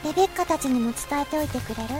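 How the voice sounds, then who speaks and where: A woman's voice: high voice, lively intonation, quick pace, music in the background. An actress playing an imperious, aloof young lady of a mansion in a drama, composed and commanding.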